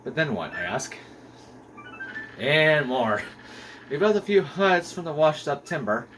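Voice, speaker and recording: A man's voice: fairly high pitch, expressive, a little slow, faint music behind, low-quality recording. A man voicing a pompous, grandiose male aristocrat with theatrical, self-important delivery while reading game dialogue aloud. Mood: melodramatic.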